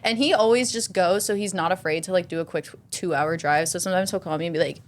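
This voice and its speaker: A woman's voice: fairly low pitch, quick pace, slight background noise. A 21-year-old woman co-hosting a podcast, chatting casually in a blunt, bubbly way and laughing often. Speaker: podcast co-host. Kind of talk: casual chat.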